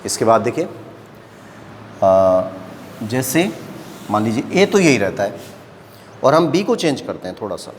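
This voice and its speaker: A man's voice: on the low side, very animated, unhurried, long pauses, big-room sound, slight background noise. A man teaching a maths lesson, explaining step by step and often checking whether the class understands.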